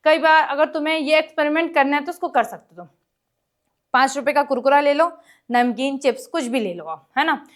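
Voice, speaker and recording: Speaking directly to her students, a high-pitched woman leads an exam-prep lesson in Hindi mixed with English, going step by step and often asking questions to check they're keeping up. She reads the English question text slowly, now and then coughing or clearing her throat.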